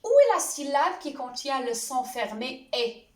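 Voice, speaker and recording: A woman teacher giving a spelling lesson, deliberately spelling out letters and examples one by one. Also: high-pitched, big pitch swings. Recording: echoey room, voice a little far from the mic.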